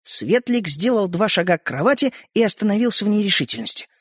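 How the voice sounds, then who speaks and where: A man reading a children's storybook aloud with an expressive, lively delivery. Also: high voice, fast, dry recording, studio quality. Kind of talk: storybook narration.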